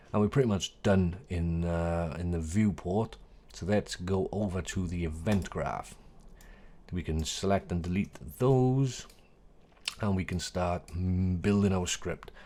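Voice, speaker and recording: Deep-voiced man chatting through a tutorial. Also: darkish tone. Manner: chatty, self-correcting, jokey asides. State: voice going a bit hoarse. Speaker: tutorial host. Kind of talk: casual screen-recorded tutorial.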